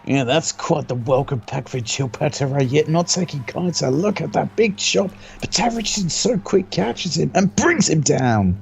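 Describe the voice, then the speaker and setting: A man co-commentating on wrestling with live play-by-play in a gravelly voice. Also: a little high, animated, normal speed, few pauses, slight background noise.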